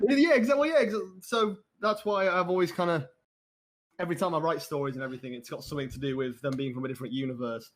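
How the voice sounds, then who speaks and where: A man's voice: fairly high pitch, fast talker. A man chatting casually as a podcast guest, with a playful, self-deprecating manner. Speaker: podcast guest, video creator. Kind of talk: casual chat.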